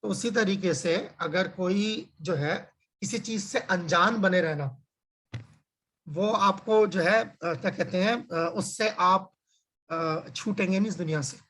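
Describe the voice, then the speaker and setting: Over a video call, a man with a high, pushed, bright voice teaches a scripture class in a conversational style, using everyday examples and rhetorical questions. He leans on filler phrases, often restarts, and slows down to stress key words.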